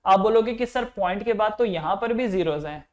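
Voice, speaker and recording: A man's voice: high-pitched, fairly quick. A young man teaching physics in Hindi with English terms mixed in, explaining step by step and asking his students questions. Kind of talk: classroom lecture.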